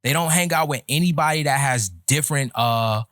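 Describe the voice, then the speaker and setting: A man in his thirties hosting a casual podcast chat, giving opinionated, lecturing advice in a slow, deliberate way. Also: mid-range voice, fairly bright tone, dry recording, clean studio sound. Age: 30s. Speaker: podcast host.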